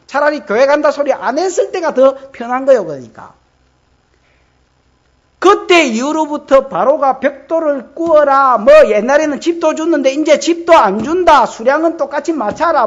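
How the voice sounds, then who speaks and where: A male pastor with a strong Gyeongsang accent delivers a sermon full of acted-out dialect voices. His pitch swings widely as he moves from shouts to mutters. The recording is dull and muffled. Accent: Gyeongsang Korean.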